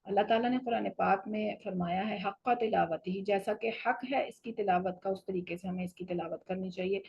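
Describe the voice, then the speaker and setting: Husky woman teaching Quran recitation. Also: mid-range voice, lo-fi sound. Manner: patient, explanatory, slows for recited examples. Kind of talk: tajweed lesson.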